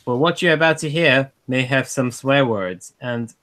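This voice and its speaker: A man's voice: medium pitch, a little slow, fairly bright tone. A man chatting casually on a livestream, hesitant and restarting often. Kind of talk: casual chat.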